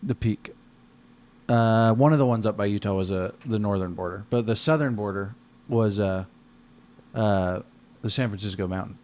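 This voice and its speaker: A man's voice: lowish voice, moderate pace, darkish tone. An American man in a casual, rambling chat, talking in slangy, profane language.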